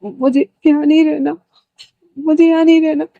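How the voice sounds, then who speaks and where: A woman voicing a terrified young woman doctor who is crying and pleading, her voice high and breaking. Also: fairly even intonation, normal speed, dry recording, narrow, tinny audio. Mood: pleading, sobbing.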